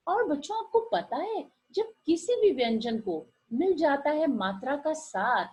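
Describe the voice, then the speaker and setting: Slow, sing-song woman teaching small children. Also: fairly high pitch, husky, dull audio. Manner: slow, sing-song and encouraging, drawing out sounds and asking the children questions. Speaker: primary school teacher. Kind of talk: online Hindi lesson for young children.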